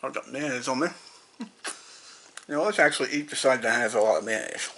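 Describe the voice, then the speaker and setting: A man's voice: medium pitch, lively intonation, normal speed, vocal fry, bright, forceful tone, a little hiss or hum. A young man casually rambling in a food-tasting vlog, repeating himself and talking with his mouth full. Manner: rambling, repetitive, eats and talks with mouth full. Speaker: vlogger.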